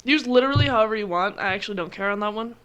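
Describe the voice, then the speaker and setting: Bright-voiced young woman co-hosting podcast. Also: medium pitch, clean tone, muffled recording. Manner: emphatic, quick to push back. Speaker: podcast co-host. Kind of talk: casual chat. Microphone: podcast microphone.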